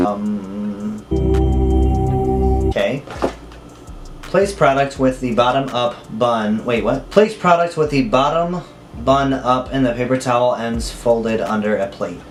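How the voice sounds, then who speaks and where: A man hosting a casual food review, talking informally to camera and often asking himself questions as he goes. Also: mid-range voice. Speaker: host of a food review video. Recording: clearly noisy home recording.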